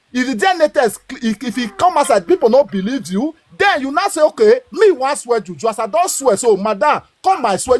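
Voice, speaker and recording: A man in his forties with a Nigerian accent argues indignantly in Nigerian Pidgin on a social media live, repeating words and stammering. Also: extremely high pitch. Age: 40s. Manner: indignant, repetitive, stammers when worked up.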